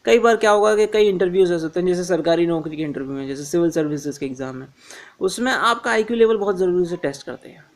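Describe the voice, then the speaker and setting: A man giving informal career advice to viewers, calling them friends, repeating his reminders and often pausing on filler sounds. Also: sits high. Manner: addresses listeners as friends, frequent "uh" fillers; instructive, repeats key reminders.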